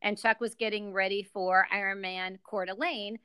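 A middle-aged woman from the United States speaks as a podcast guest, with a bright, forceful tone and a smooth, crisp voice. She explains things carefully and stays upbeat, and the sound is dry and close. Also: medium pitch, fairly even intonation, moderate pace, no echo. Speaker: guest, executive director. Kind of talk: podcast interview.

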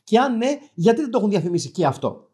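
A man recounting a funny everyday mishap with dry, self-mocking sarcasm. His pitch swings widely as he acts out the exchanges, and he rambles, stumbling over and restarting words. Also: big pitch swings, mellow, husky. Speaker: storyteller. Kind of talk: humorous personal anecdote.

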